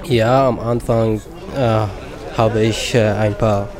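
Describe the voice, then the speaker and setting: Slow Afghan man, street noise behind. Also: lowish voice, steady tone, crowd noise. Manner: searching for words, small grammar slips. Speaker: apprentice. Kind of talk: interview statement.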